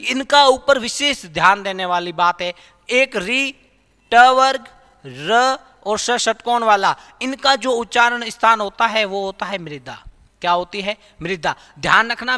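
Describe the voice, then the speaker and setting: Man, grammar teacher, high bright voice, repeats terms as quiz questions, sounds out letters, long room reverb. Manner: repeats key terms as questions and answers them; demonstrates sounds aloud, drawn out. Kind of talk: classroom-style grammar lesson.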